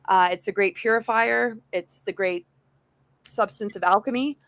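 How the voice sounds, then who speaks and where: A woman's voice: mid-range voice, normal speed, fairly bright tone, no echo. A woman with a mid-range voice explains things in a roundtable discussion. The sound is close and dry, with little room on it. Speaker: roundtable panelist.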